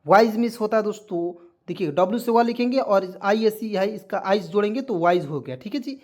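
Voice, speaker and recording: A man's voice: high voice, lively intonation, a little fast, a little mellow. A man teaching English vocabulary. He spells every word out letter by letter, says it over several times and keeps quizzing his viewers in a patient classroom manner. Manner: spells words letter by letter and repeats them often; keeps asking questions of the viewers.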